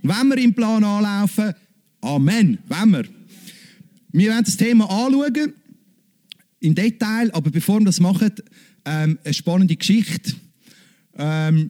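Emphatic high-voiced male preacher. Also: darkish tone. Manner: emphatic, repeats key phrases. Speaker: pastor. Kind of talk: sermon.

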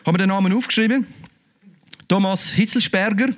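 Man, Swiss German accent, middle-aged, pastor giving a sermon, high voice, fervent, exclamatory, rhetorical questions. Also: a little fast.

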